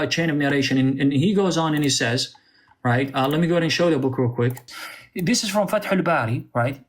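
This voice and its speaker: A man with a fairly high voice and an Arabic accent argues in a live religious debate. He is combative, cuts in often and drives his points home with rhetorical questions.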